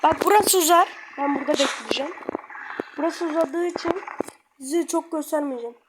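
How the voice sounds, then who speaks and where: A woman giving slangy, excitable running commentary while playing a game. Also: high voice, fairly quick. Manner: excitable, slangy, blurting reactions. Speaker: gamer. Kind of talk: casual gameplay commentary. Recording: loud background noise.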